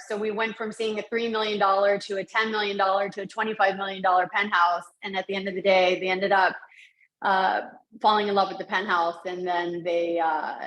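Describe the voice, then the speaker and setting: A woman real estate agent talks in an upbeat, chatty way as a guest on a remote call. Her voice sits mid-pitch. She is in a bare office, so every word rings out with a big hall-like echo. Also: fairly bright tone. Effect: strong room echo, like reverb in a big empty hall. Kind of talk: casual interview storytelling. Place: sparse, newly taken-over office. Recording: echoey reverberant room sound.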